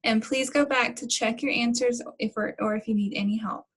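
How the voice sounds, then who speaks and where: A woman teacher explaining phonics coding step by step in a slow, patient way to young pupils. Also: a little high, fairly even intonation, slightly rough, poor audio. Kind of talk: recorded phonics lesson for children.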